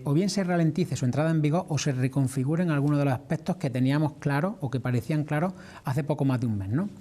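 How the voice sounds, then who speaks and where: A man with an Andalusian accent giving measured, explanatory answers as a farming representative in a formal interview. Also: medium pitch, mellow. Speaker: farmers' organisation representative being interviewed.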